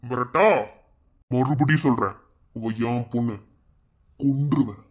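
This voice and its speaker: A man voicing a bitter, vengeful father in a cartoon, taunting and shouting at his wife. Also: medium pitch, measured pace, muffled recording, lightly acted. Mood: gloating. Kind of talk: fan cartoon voice acting.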